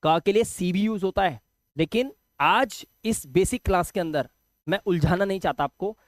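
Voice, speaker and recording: A man teaches beginners step by step, with a slightly rough throat. He keeps asking the viewer questions and repeats each key word. The sound is dry and close, with no room around it. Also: sits high, moderate pace, no room sound. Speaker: English teacher. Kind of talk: classroom explanation.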